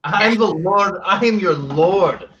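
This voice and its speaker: A man playing an arrogant adventurer who calls himself lord, speaking slowly and grandly. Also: high voice, bright, forceful tone, far from the mic, a little hiss or hum. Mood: mock-grand. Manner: slow, mock-grand, bossy. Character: arrogant self-styled lord, male adventurer. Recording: muffled lo-fi call audio.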